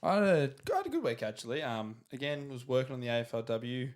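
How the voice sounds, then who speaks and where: Young man, podcast host, casual sports chat, rambling, halting restarts. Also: medium pitch, sing-song. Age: young adult.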